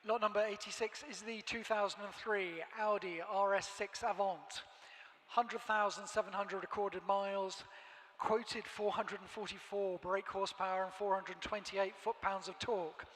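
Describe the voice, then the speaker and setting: A man announcing auction lots, reading catalogue descriptions in a measured, formal way. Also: sits high, steady tone, a bit bright. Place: large auction hall. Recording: hall reverb from PA.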